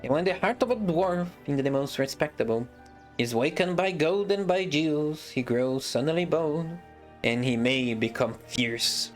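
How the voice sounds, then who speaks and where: A streamer reading a fantasy novel aloud on a live stream, breaking off for casual, joking asides. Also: mid-range voice.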